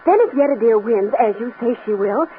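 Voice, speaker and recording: An actress playing a practical, persuasive young fiancée with an American accent in an old-time radio drama. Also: female voice, a little high, animated, brisk, phone-quality sound, natural voice. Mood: coaxing, persuasive. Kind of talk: mid-century American radio drama acting. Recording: scratchy, band-limited old radio recording with noise.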